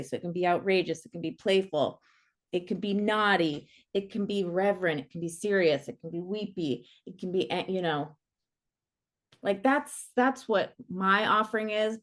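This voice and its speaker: A middle-aged woman, a coach leading an online workshop, talking in a casual, animated and playful way. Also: medium pitch. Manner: animated and playful, many fillers like "like".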